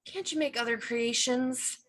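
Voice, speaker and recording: A woman's voice: on the high side, fairly even intonation, measured pace, a bit bright. A woman playing a scientist's anxious, evasive female creation in a script read-through, pleading and defensive.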